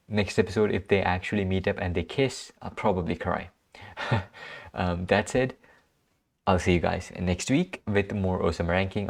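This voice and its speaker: A young man hosting his own channel, reviewing an anime episode in a casual, rambling way, sleepy and yawning late at night. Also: low voice. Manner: rambling, with restarts and fillers. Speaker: anime reaction channel host.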